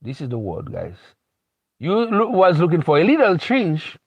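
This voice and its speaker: A husky, high-leaning voice with huge swings in pitch carries this Haitian man's improvised motivational talk, delivered at normal speed from his home in America. He rambles, repeats himself, restarts phrases frequently, and keeps saying "you know." The sound is lo-fi, with no room sound.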